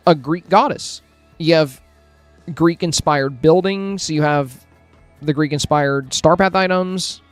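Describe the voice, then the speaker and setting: A man's voice: sits high, dry recording. Chatty man giving friendly critiques. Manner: friendly, thinking aloud with many fillers and restarts. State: hiccuping, with a headache. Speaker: streamer reviewing game screenshots. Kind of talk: casual live-stream review commentary.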